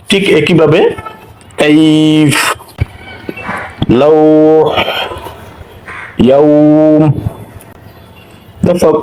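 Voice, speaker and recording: Higher-voiced man teaching Quran reading. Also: a little mellow, rough recording. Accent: Bangladeshi Bengali. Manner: spells out letters and vowel marks, repeats example words slowly. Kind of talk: slow step-by-step lesson.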